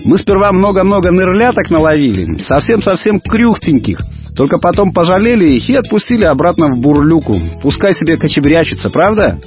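A man voicing an eager, excitable village boy in a radio story reading. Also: a little high, voice pushed up. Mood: excited. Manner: eager, quick, exclaiming. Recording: dull radio recording, faint music.

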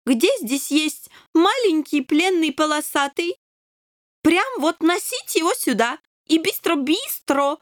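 A woman's voice: sits high, expressive, slow pace, no room sound, studio quality, voice pushed up. Woman doing a pompous drawling doberman king. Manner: speaks broken Russian with a foreign accent; drawling, sentimental.

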